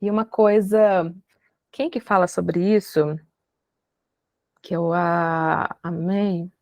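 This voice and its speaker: A woman's voice: on the low side, steady tone, slow pace, a little mellow, dry recording. A young adult woman with a Brazilian accent, a parenting educator talking reflectively and emphatically as a podcast guest. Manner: reflective, emphatic, uses many tag questions. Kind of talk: conversational podcast interview.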